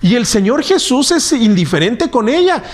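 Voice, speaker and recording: A man's voice: very high voice, big pitch swings, normal speed. A man with a Mexican accent preaching a sermon in a conversational storytelling way, often asking rhetorical questions.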